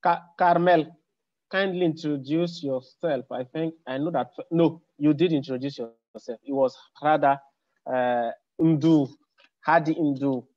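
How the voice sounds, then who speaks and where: A man's voice: fairly high pitch, a little slow, no echo. Male webinar host, dry muffled audio. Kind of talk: moderating an online meeting. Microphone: video call. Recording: dry, dull online call.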